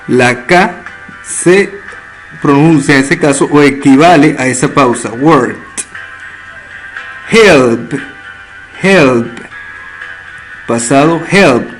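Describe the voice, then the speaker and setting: A man teaching English grammar, explaining step by step and repeating each word slowly for practice. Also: a little high. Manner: slow, careful, repeats words for drill. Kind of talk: explaining a lesson.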